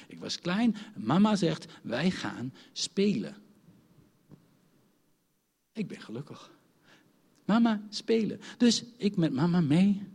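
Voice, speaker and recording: A man's voice: a little high, a little mellow, slightly rough, long reverb tail. A man preaching a sermon, telling a story from his childhood and building to emphatic points.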